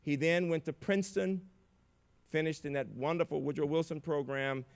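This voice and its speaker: An older man giving an inspirational keynote speech at a conference, telling stories with big emotional swings in loudness. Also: fairly high pitch, fairly even intonation, normal speed, gravelly. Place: large conference auditorium. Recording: reverberant conference hall.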